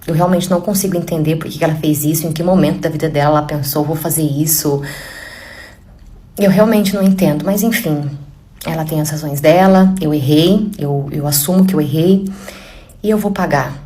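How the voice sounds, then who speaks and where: A woman's voice: low voice, brisk, mellow. A woman with a Brazilian Portuguese accent telling a personal confession story in a chatty, emotional way, full of fillers. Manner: emotional, conversational, many fillers.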